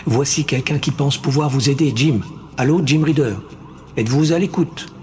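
A man voicing a slick, dramatic male television game-show host in an audiobook, working the audience with theatrical pauses and cries. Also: medium pitch, a little mellow, soft background music, close to an everyday voice. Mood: urgent. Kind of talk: audiobook character voice.

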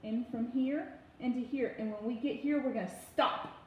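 A phone sits propped on the kitchen counter about arm's length away, recording with phone-quality sound as a woman in her thirties cooks. Her slightly high voice keeps a moderate pace while she casually instructs the camera and her child, patient but firm, one step at a time. The indoor home kitchen is very echoey, with faint noise.

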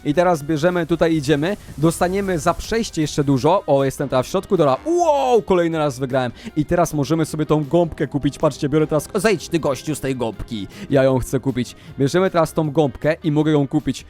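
A young man giving excited, running commentary on a video game, narrating every move and shouting at wins and losses. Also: on the high side, brisk, few pauses, soft background music.

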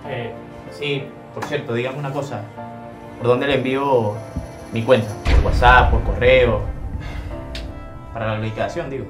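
A man's voice: mid-range voice, fairly even intonation, unhurried, pauses often, music in the background, natural voice. Man as cynical young clerk, web drama, roomy store echo. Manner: sarcastic, scolding. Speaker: store employee Luis. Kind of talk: scripted web drama acting. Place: indoor clothing store.

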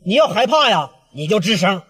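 A man's voice: sits high, sing-song, fairly quick, a bit bright, breathy edge, heavily acted. A man voicing a brash rival gang leader with a Northeastern Chinese accent, taunting and cocky.

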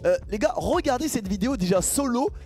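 Excitable high-voiced young man. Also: fairly quick. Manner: excitable, shouts and drags out words at big reveals; chatty, keeps addressing viewers as "the guys". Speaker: gaming YouTuber. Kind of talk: casual pack-opening commentary. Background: background music.

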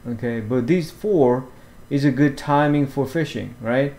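A man walking through fishing apps over a screen recording, talking haltingly with many fillers and restarts. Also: mid-range voice, darkish tone. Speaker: fishing vlogger. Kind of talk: screen-share app walkthrough.

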